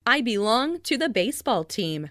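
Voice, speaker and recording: A woman reading simple English phrases slowly and carefully for learners, saying each one twice. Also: a little high, very animated, a bit bright, no room sound, studio quality. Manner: careful, clearly enunciated, each sentence said twice.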